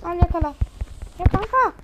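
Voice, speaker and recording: A woman giving casual gameplay commentary in an excitable, slangy way, loudly scolding her teammates. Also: very high voice, moderate pace, noisy background. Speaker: gamer streaming their own play.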